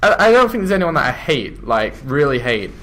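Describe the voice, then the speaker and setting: A man's voice: on the high side, sing-song, a little fast, fairly bright tone. A young man with an English accent, a gamer chatting casually, rambling and laughing as he talks. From England. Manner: chatty, drifts into mock voices and laughs. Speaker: YouTube gamer. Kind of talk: casual chat.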